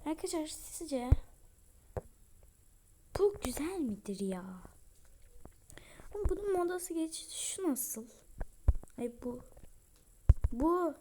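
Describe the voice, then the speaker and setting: A woman's voice: sits high, lively intonation, slow, long pauses. A woman casually commenting as she plays a game, talking to her viewers and often dropping into whispered asides. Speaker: gaming channel host. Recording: loud background hiss with clicks.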